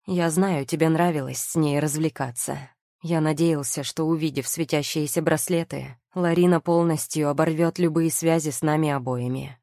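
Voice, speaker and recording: A cynical, scheming nobleman who sneers and coolly justifies himself, as read by a woman in an audiobook. The voice sits low and mellow. The recording is close and dry. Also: steady tone, normal speed, no echo. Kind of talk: audiobook character reading.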